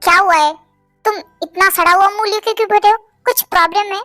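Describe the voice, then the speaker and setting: A woman's voice: extremely high pitch, steady tone, a little fast, no room sound, clean studio sound, soft background music. A woman voicing a teasing, caring young woman friend who coaxes and confides in a fan-dub drama. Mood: coaxing. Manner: playful and teasing, gently coaxing.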